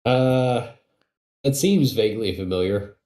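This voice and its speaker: A man's voice: on the low side, measured pace, dark tone, reverberant. A man co-hosting a casual podcast with his brother, telling dry, joking stories. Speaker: podcast co-host. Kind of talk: casual chat between brothers.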